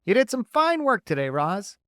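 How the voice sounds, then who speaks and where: A man's voice: high-pitched, big pitch swings, moderate pace, a bit bright, dry recording, clean studio sound, pitched above the performer's own voice. A man voicing a friendly, talkative male beaver who eagerly gives folksy advice in an audiobook. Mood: chatty. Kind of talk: audiobook character voice.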